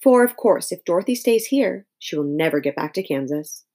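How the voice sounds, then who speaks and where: A woman reading a storybook, voicing a male scarecrow ruler who is thoughtful, practical and measured in his talk. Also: lowish voice, lively intonation, mellow. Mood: reasoning.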